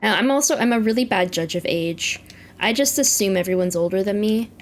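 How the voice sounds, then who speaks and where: A woman's voice: animated, brisk. Sleepy, playful Canadian woman chatting casually. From British Columbia, Canada. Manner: sleepy, low-key rambling. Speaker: livestreamer. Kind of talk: casual chat while playing a farming game. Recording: music behind the voice. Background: music.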